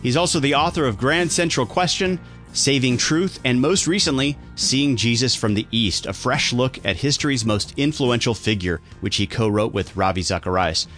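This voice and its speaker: A man's voice: mid-range voice, normal speed, fairly bright tone, soft background music. A man hosting a radio talk show, reading a polished introduction and asking interview questions. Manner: smooth, announcer-like delivery.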